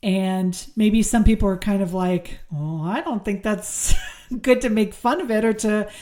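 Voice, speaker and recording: This horror podcast host talks a little slowly in a warm, medium-pitched voice that's wearing thin as she loses it. Alone at the mic, she covers reviews and news casually, with frequent ums and restarts.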